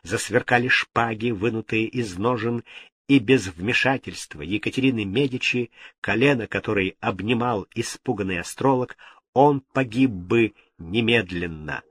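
A man reading an audiobook in a measured, expressive narration. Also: on the low side, husky, no echo, clean studio sound. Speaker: audiobook reader.

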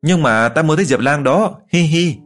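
A man's voice: a little high, animated, moderate pace, soft background music, pitched above the performer's own voice, natural voice. Man doing a playful young woman. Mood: teasing.

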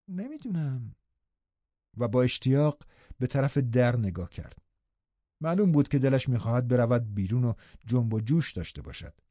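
A man reading an audiobook novel in a measured storytelling manner. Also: medium pitch, dark tone, dry recording. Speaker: audiobook narrator. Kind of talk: scripted narration. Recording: dull, dry audiobook recording.

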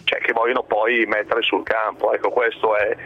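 A man calling in over the phone to a football radio show, talking hesitantly with pauses and restarts. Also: fairly low pitch, level tone. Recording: dull, lo-fi phone line.

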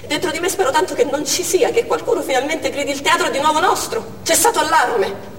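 A stage actress voices an anguished woman doctor, the character from Armenia, in a tense theatre monologue on an indoor stage. Her high voice is intense and deliberate, with lively intonation, splitting the account into short, urgent phrases. The distant mic picks up long reverb in the echoey hall and faint noise.

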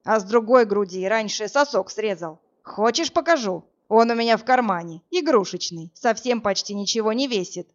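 A woman's voice: fairly high pitch, expressive, moderate pace, hardly any pauses, lo-fi sound, lightly acted. A woman reading an audiobook, voicing a cruel, greedy young man who gloats and sneers over his victims. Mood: sneering.

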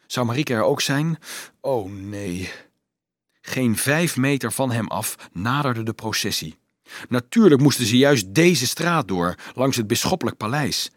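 At a moderate pace, this man narrates an audiobook script in a mid-pitched, faintly husky voice. His dramatic, expressive delivery sends his pitch up and down with the tension of the story. It's recorded close and dry, without any room echo.

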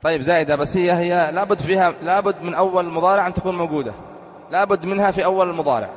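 A man from Yemen teaches Arabic grammar in a classroom lecture. He quizzes his students and repeats the key terms, and his slightly high voice carries a long reverb. It sounds as if it was recorded in a large, echoing hall. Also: very fast. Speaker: religious teacher giving a grammar lesson.

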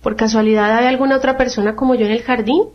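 A woman's voice: fairly high pitch, steady tone, fast, close to an everyday voice. A woman voicing the girl Alice in a storybook reading, polite, curious and mild. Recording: dull lo-fi radio sound.

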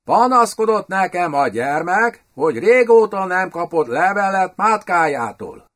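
A man voicing a foppish, affected foreign nobleman in an audiobook, with a hoarse voice and mannered, foreign-sounding pronunciation. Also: high-pitched, sing-song, fairly bright tone, pitched above the performer's own voice. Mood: smug. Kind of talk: audiobook character voice.

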